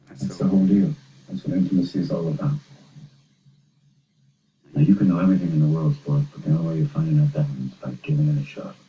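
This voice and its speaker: A very deep, gravelly-low Boston voice for a coarse widowed therapist, plain-spoken and reflective. The sound is a dull, roomy film soundtrack. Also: male voice, a little hiss or hum. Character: gruff widowed older male therapist.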